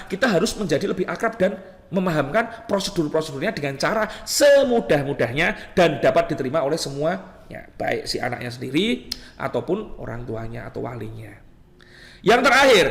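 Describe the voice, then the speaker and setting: A man, a doctor, gives a lively instructional talk and acts out scenes with young patients. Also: sits high, creaky. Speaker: doctor teaching a workshop. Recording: echoey hall reverb.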